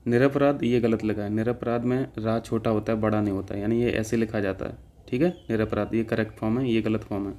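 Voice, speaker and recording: Dark-voiced man teaching an exam class. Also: fairly low pitch, steady tone, fairly quick. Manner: explains step by step, keeps checking with "ठीक है". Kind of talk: exam-prep lesson.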